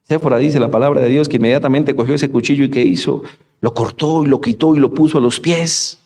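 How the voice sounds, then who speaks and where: Pastor preaching with rhetorical questions. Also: male voice, mid-range voice, a little fast, dark tone. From Colombia. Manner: preaching with rhetorical questions, addressing listeners as brothers. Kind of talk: radio sermon. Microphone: studio microphone for radio broadcast.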